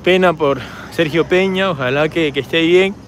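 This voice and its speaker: A man with a Peruvian Spanish accent, hoarse from shouting, chatting casually to his handheld camera as he walks through a city park at night. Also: fairly high pitch, normal speed, a little hiss or hum. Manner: chatty, rambling, talks straight to camera while walking. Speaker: travel vlogger. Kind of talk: casual walking vlog.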